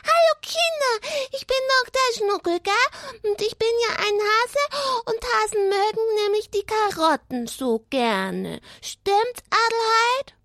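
Doktor Schnuckel, a squeaky childlike hare. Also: a little slow, few pauses, dry recording, studio quality, full character voice. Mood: chatty. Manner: chatty, excitable, childish talk. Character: childlike cheerful hare puppet, small and eager. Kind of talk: children's puppet show.

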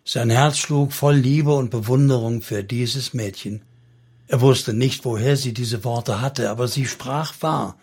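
Husky male audiobook narrator. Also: mid-range voice, measured pace, darkish tone.

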